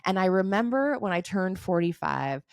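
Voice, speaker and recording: A woman's voice: mid-range voice, expressive, moderate pace, gravelly, smooth, no room sound, clean studio sound. A woman in her forties, a coach giving a frank, casual talk about habits, swearing now and then and laughing easily. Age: 40s.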